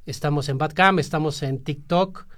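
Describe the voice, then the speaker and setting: A man's voice: a little high, normal speed, a bit bright. A man, a musician guest on a radio show, explaining at length with many fillers. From Peru, raised in Mexico. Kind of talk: radio interview.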